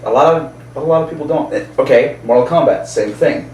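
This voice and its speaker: A podcast co-host with a mid-range, darkish voice talks fairly quickly in a casual chat, rambling a bit and hunting for words as he explains his opinion. The mic is distant and roomy, with background noise.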